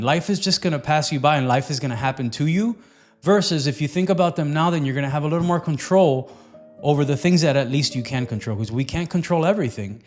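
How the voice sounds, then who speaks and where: Earnest motivational man, slightly high voice. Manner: earnest, loose, repetitive phrasing with many fillers. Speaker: nutrition and fat-loss coach. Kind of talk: motivational talk to camera.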